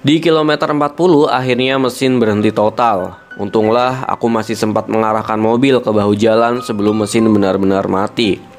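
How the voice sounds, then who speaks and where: A man with a low voice tells a first-person horror story, slowing into dramatic pauses. Faint music plays softly behind his narration. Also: steady tone.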